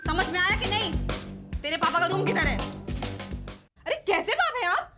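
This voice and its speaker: A bossy fighty sitcom mom, super high voice, loud music behind. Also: female voice, big pitch swings, moderate pace. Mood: combative. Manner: bossy, scolding, combative. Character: loud, bossy, quarrelsome middle-aged mother. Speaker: mother of a neighbor boy. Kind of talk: TV sitcom acting. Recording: loud background music track.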